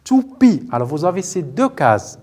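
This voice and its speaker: A man's voice: sits high, sing-song, takes it slowly, darkish tone. Guy teaching little kids on tv, voice swoops up and down a lot, keeps saying très bien and asking questions. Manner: patient, repetitive, stretches out words syllable by syllable; questions and praises pupils often. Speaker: primary school teacher. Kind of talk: televised classroom lesson.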